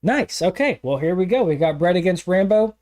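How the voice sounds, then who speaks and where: High-voiced casual drift commentator, a man. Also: expressive, brisk, darkish tone. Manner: casual, filler-heavy, self-correcting. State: has the hiccups. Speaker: drift competition commentator and host. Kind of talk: live play-by-play commentary.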